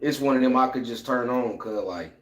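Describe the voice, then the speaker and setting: A man co-hosting a podcast in casual chat, animated and slangy, acting out lines as he talks. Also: mid-range voice, fairly quick. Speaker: podcast co-host. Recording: echoey room.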